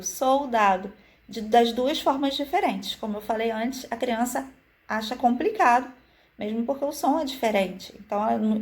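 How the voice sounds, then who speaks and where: A woman educator talks viewers through phonics activities. Her voice sits a little high, and she pauses often on "é" and "né". She slows right down and stretches example words so that every syllable is heard. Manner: frequent "é" and "né" fillers. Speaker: early-childhood educator. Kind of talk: teaching video, explaining activities.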